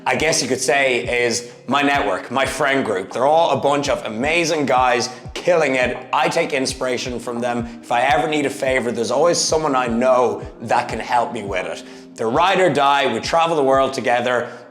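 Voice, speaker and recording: A fitness YouTuber in his thirties delivers a motivational vlog monologue at a moderate pace, energetic and emphatic, swinging from loud bursts to low asides. He's in an echoey room with faint music in the background.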